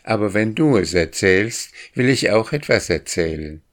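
A man's voice: on the low side, expressive, normal speed, close to an everyday voice. A man voicing a sly male crow who answers knowingly in a storybook.

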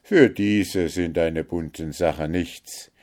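A kindly older father in a storybook, read by a man, low and calm. He speaks slowly and gently, reassuring and warm.

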